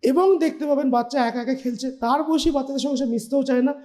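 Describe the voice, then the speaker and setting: Fast-talking doctor, mellow voice. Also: male voice, extremely high pitch. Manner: patient, explanatory, numbers points, mixes in English terms. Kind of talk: TV health interview explanation.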